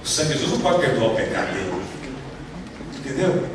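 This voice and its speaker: Fast and emphatic, a male pastor with a Brazilian Portuguese accent preaches in a mid-range voice with big pitch swings, asking his congregation many rhetorical questions. He is captured from far off in a reverberant hall, with noise in the background.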